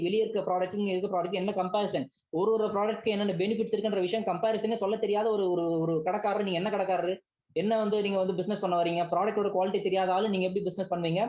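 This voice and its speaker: A man's voice: sits high, darkish tone. A man, a business team leader giving a motivational sales pep talk, scolding his listeners and checking in with rhetorical questions. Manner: rapid, scolding, full of rhetorical check-ins. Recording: slightly dull lo-fi recording.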